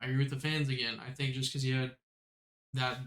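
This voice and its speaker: A man's voice: mid-range voice, fast. A man co-hosting a podcast, reading out player rankings and chatting casually about basketball. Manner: relaxed, reads out rankings. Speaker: podcast co-host. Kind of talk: casual sports chat.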